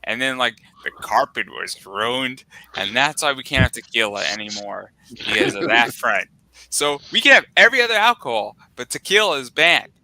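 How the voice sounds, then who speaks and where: A man's voice: medium pitch, big pitch swings, moderate pace, bright, forceful tone, poor audio. A man in his twenties telling a rambling, profane story in casual chat, full of likes and swearing.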